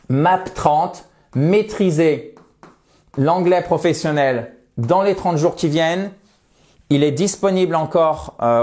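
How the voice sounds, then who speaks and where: A man's voice: a little high, a little mellow. French man teaching English phrases. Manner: friendly, explanatory, slows to model English pronunciation. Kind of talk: French-language English lesson.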